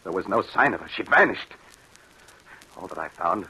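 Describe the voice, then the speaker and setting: In a grim, haunted 1940s radio drama, an actor plays a fearful man tormented by a ghostly cat-woman, stammering under strain in a melodramatic, intense performance. His voice is low-pitched, animated, bright and forceful, slightly rough, and fully in character, at a moderate pace. The recording is rough, a hissy old radio broadcast.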